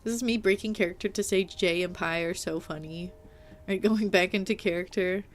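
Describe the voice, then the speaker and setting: A woman's voice: lowish voice, normal speed. Chatty, playful woman streamer. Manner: chatty and playful, teasing her chat and poking fun at herself; animated, with frequent filler "like" and mild swearing. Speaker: live streamer. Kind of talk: casual live-stream chat while playing a game.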